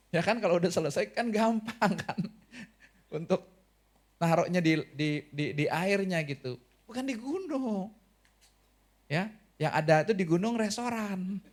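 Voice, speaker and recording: A man pastor giving a lively, conversational sermon in church, often putting questions to the congregation. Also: high voice. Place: church hall.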